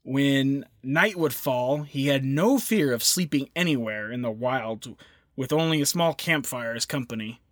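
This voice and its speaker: A man co-hosting a podcast, telling a history story in a casual, animated way with quick asides and easy laughs. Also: medium pitch, dry recording, clean studio sound.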